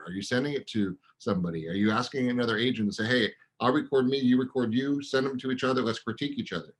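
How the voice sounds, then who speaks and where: A man co-hosting a real estate coaching podcast, pressing listeners with punchy, rapid-fire rhetorical questions. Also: mid-range voice, husky, low-quality recording.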